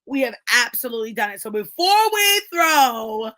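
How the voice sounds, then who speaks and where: A woman's voice: fairly high pitch, sing-song, moderate pace, sharp tone, dry recording. A woman in casual, emphatic conversation about faith at a book club, talking with lots of fillers.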